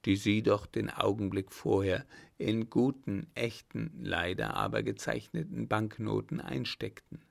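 A man reading a German story aloud, voicing a calm, polite hunchbacked scholar who answers in a cool, measured way. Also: on the low side, vocal fry, full character voice.

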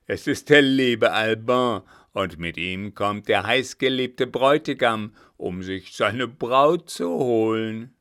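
A man doing a loud, scornful captain. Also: fairly low pitch, fairly even intonation, normal speed, close to an everyday voice. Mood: mocking. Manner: gruff, mocking. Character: scheming male captain, scornful and commanding.

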